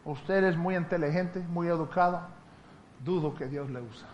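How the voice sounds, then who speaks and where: A male preacher with a fairly high voice delivers a sermon. He tells stories in an animated way and laughs often. A faint hiss runs underneath. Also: moderate pace, highs cut off.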